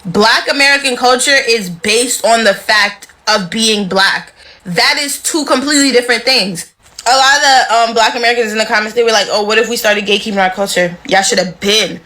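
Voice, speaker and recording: A woman's voice: fairly high pitch, a little fast, bright, forceful tone. A Caribbean woman stating a firm, dismissive opinion. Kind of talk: casual opinion rant.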